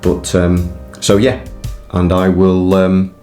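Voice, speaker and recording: Low-voiced man in a rambling fitness vlog. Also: completely flat delivery, slow, mellow, faint music behind. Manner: hesitant, rambling delivery with frequent filler words. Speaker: fitness vlogger. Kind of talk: casual, unscripted chat to viewers.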